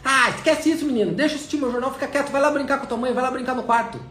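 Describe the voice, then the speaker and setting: Give me a man playing a tired, gruff Brazilian dad in an echoey room. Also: high voice, fast talker, natural voice. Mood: irritated. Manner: impatient, shouting at first. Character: tired, gruff working father. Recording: echoey room, faint noise.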